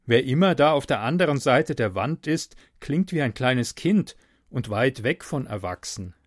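A man reading a first-person audiobook, slow and expressive, with dialogue voiced in a lively way. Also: medium pitch, no echo, clean studio sound. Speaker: audiobook narrator.

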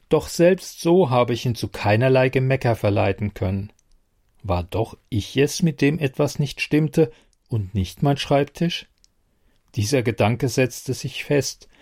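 A man hosting a story podcast, reading a short story aloud in the first person. His delivery is expressive and steady, at a middle pitch for a man. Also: gravelly.

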